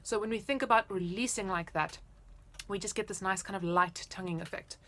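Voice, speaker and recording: A woman's voice: mid-range voice, fairly quick, a bit bright. A woman in her thirties giving casual, explanatory and encouraging music instruction to camera. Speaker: flute teacher. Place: indoors, small room at home.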